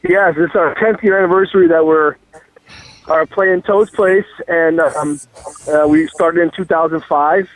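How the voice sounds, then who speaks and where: This musician guest phones in from a moving car on speakerphone, his voice a little high, steady, and measured. He wanders through the casual interview, loose and profane, stuffing his speech with fillers, all heard over a thin, dry phone connection.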